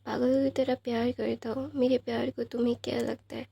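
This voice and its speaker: A woman voicing a possessive, lovestruck young man, speaking softly and half-whispered. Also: a little high, little pitch movement, a little fast, vocal fry, husky, no room sound, dull audio, heavily acted.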